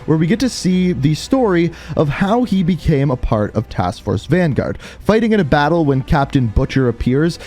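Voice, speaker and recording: A man's voice: fairly high pitch, dark tone. A man narrating a scripted video game review essay, stressing key words emphatically. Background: background music.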